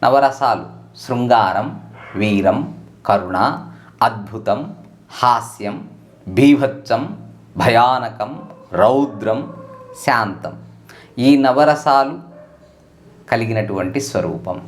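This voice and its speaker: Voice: takes it slowly, long pauses. A devotional teacher who chants a hymn and then explains each sacred name in turn, singing the name first and speaking the meaning after it. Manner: chants in a high, melodic tone.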